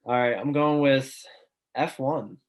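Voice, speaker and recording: A young man co-hosting a casual podcast. He sounds earnest and enthusiastic, with an ordinary middle-pitched voice and a relaxed, conversational flow. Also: unhurried. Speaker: podcast co-host.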